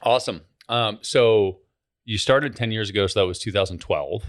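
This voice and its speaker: A man's voice: lowish voice, moderate pace. A man hosting a business podcast, with an upbeat scripted intro and then casual, rambling questions for his guest. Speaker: podcast host. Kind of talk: interview hosting.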